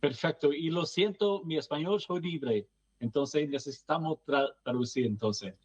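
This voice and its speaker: A man's voice: a little high, moderate pace, a little mellow, husky. A man with an American accent speaking hesitant, American-accented Spanish as an expert guest in a news interview. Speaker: academic expert guest, university professor. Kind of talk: live news interview answers.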